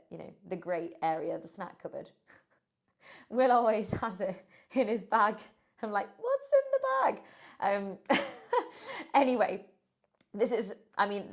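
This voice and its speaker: A woman talks through eating habits on her fitness podcast in a chatty, encouraging way. She adds friendly asides as she goes, and her voice sits at a middle pitch. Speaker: podcast host and fitness coach. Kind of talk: casual advice podcast.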